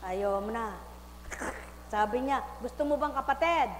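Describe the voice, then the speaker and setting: Woman preacher, high voice, call-and-response style, long reverb hall w/ faint hum. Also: a little slow. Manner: call-and-response preaching, repeated rhetorical questions; bursts of rising, loud exclamation. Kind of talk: sermon.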